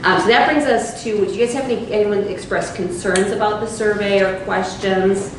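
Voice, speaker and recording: At a public housing meeting in a church hall, a woman facilitating the session walks the group through a survey, explaining with frequent fillers. Her voice is medium-pitched and steady at normal speed, recorded from far off in an echoey, noisy room.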